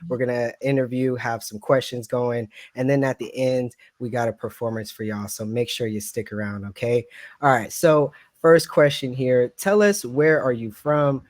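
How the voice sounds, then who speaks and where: A man's voice: mid-range voice, fairly even intonation, no echo. Upbeat male radio host, dry sound. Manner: upbeat, affirming, quick to say wow. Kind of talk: casual interview hosting.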